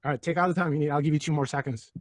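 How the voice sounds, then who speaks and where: There's no room echo on this recording of a Turkish man racing through a physics lecture. His voice sits somewhat high with fairly even intonation as he teases, provokes, and bombards his students with rhetorical questions.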